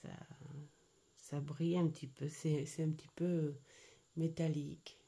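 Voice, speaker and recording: A middle-aged woman chatting casually at home as she reviews an oracle card deck, pausing often with fillers and restarts. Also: sits low, little pitch movement, mellow. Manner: hesitant, full of "euh" fillers and restarts. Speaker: tarot and oracle card vlogger. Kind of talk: casual unboxing and review chat.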